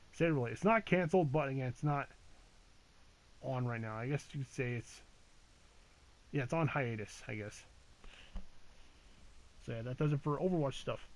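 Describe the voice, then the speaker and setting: A man's voice: mid-range voice, darkish tone, low-quality recording. A man giving a casual channel update as a gaming YouTuber, rambling and hesitant with many fillers, restarts and casual swearing.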